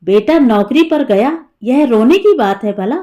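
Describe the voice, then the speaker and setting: Woman doing a bossy older neighbor lady in a storybook, chiding, mellow tone. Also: fairly high pitch, lively intonation, a little slow.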